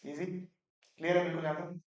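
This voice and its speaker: A man's voice: fairly high pitch, level tone, lo-fi sound. Playful male teacher in an echoey classroom. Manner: asks the class quick questions, mixes Hindi and English; playful, teasing students. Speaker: economics teacher. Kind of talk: classroom lecture.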